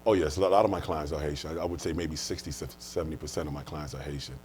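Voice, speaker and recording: Very deep-voiced, fast-talking American man. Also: steady tone, darkish tone, a little hiss or hum. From United States, born and raised. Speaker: life insurance manager, interview guest. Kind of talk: conversational interview answers, explaining.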